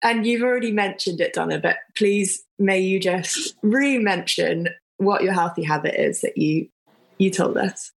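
A woman, a podcast host and yoga teacher, chatting in an expressive, open way. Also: medium pitch, normal speed, creaky, poor audio. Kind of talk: casual chat.

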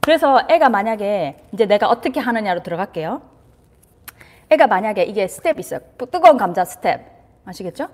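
A woman's voice: medium pitch, a little fast. A woman giving a casual talk on parenting and anxiety, asking her listeners questions and slipping in English terms. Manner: lively, asks the audience questions, drops in English terms. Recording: reverberant room.

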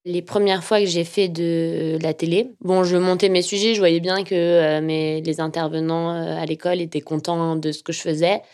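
A young woman, a journalist, telling her own story in a relaxed, hesitant way, with a slightly nasal voice and many fillers. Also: on the low side, normal speed, hardly any pauses. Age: young adult. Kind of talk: casual personal storytelling.

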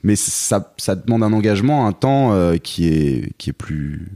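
Brief: hesitant man in his thirties, very low dark voice, dry close recording. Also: big pitch swings, measured pace, no echo. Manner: hesitant, many fillers and restarts. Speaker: guest, songwriter and performer. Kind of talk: casual interview chat.

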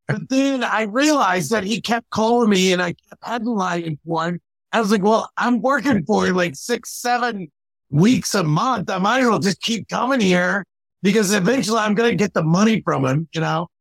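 High-voiced chatty man recalling gigs. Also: expressive, normal speed, creaky, no echo. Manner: chatty, lots of "you know". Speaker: comedian guest. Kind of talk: casual chat.

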